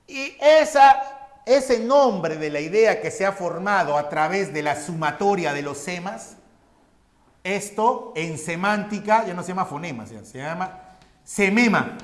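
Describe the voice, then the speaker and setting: A man teaches a class at an unhurried pace, his voice sitting high and swinging widely in pitch. He lays the material out step by step, putting questions to the students and answering them himself. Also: expressive. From Peru. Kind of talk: recorded class lecture.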